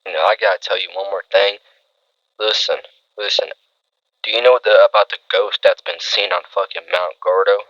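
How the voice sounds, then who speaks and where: A man's voice: deep voice, fairly even intonation, moderate pace, a bit bright, dry recording. A man playing a crude, eager redneck co-host on a comedy radio show, recorded on a slightly lo-fi mic. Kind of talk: improvised comedy radio role-play.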